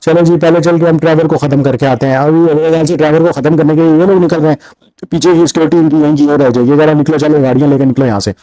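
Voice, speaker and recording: Fast-talking man calling a game live. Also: fairly high pitch, no room sound, poor audio. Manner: excitable, narrates the action play by play with many repetitions. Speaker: gameplay commentator. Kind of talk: let's-play game commentary.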